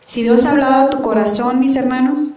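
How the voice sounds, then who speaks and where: A woman preacher delivers a fervent sermon, calling out again and again to her congregation. Her voice sits fairly high and warm. It rings through a big echoey church hall, picked up from some distance with a dull edge. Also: fairly even intonation, a little fast. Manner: fervent, calls out to the congregation often.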